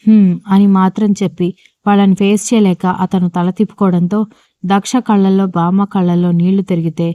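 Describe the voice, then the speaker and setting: A woman's voice: mid-range voice, level tone, a little fast, mellow, no room sound, highs cut off. A woman narrating an audio story, reading steadily and expressively.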